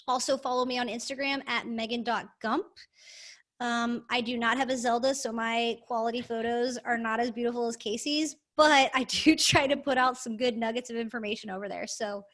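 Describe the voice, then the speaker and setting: A woman's voice: a little high, fairly bright tone. A woman co-hosting a casual podcast with enthusiastic, emphatic delivery, her microphone echoing like she is in a hallway. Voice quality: hallway echo on the voice. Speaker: podcast co-host. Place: echoey indoor space.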